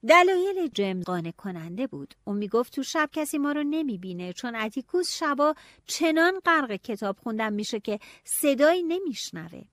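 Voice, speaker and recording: A woman narrating a novel in the first person, telling it in a lively, expressive way. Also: high-pitched, no echo, clean studio sound. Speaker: audiobook narrator.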